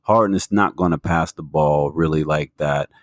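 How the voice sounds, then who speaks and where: A man's voice: very deep voice, moderate pace, no room sound, studio quality. A man co-hosting a sports podcast, making his case with stats and lots of fillers. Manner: argues a point with stats, many fillers. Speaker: podcast co-host. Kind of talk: casual sports talk.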